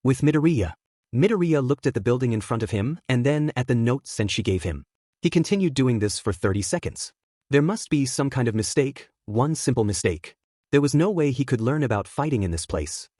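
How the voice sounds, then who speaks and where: A man narrating a fanfiction story in a steady, plain reading voice. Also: medium pitch, fairly quick, no room sound, clean studio sound. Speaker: fanfiction reader.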